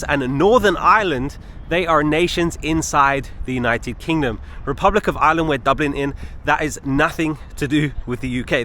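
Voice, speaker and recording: A man from England with a fairly high, sharp-toned voice vlogs his travels casually while walking city streets and a park outdoors. He's enthusiastic, leaning on emphatic words and repeating intensifiers, with a little hiss or hum in the recording.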